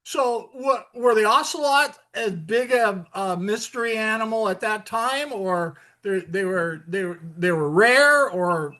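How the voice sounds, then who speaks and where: A man's voice: high voice, lively intonation, sharp tone. A man hosting a podcast, asking questions and chiming in with enthusiastic remarks. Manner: enthusiastic, quick interjections and questions. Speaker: podcast host. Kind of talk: casual interview chat.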